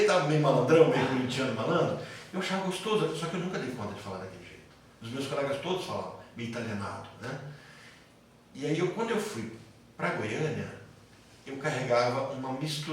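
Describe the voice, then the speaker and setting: A man's voice: medium pitch, slight background noise. Brazilian man with a light São Paulo interior accent teaching a class, anecdotal and repetitive, recorded from afar in a roomy hall. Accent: light São Paulo interior Brazilian Portuguese. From interior of São Paulo state, Brazil. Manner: conversational, repeats himself, tells anecdotes. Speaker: psychoanalysis teacher. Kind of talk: lecture to a class. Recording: echoey classroom from far off.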